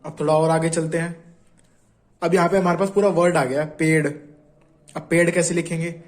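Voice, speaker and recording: A man teaches shorthand in a patient Hindi tutorial explaining strokes, repeating each sound aloud as he writes and often checking in with viewers. His voice is fairly high and flat at a moderate pace.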